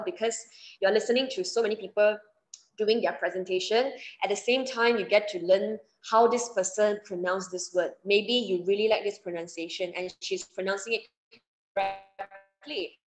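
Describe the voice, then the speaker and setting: A woman's voice: mid-range voice, poor audio. Malaysian English woman teaching a class. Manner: chatty, explains with examples and acted asides.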